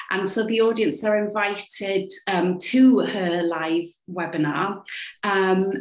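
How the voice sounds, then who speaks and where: A woman from Cardiff with a Welsh accent, chatting informally as she answers interview questions about her work as a playwright. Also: lowish voice. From Cardiff, Wales. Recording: echoey room sound.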